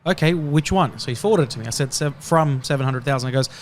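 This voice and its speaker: A man on an investing panel telling a client story in casual chat, halting and repeating words as he goes. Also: mid-range voice, a little hiss or hum.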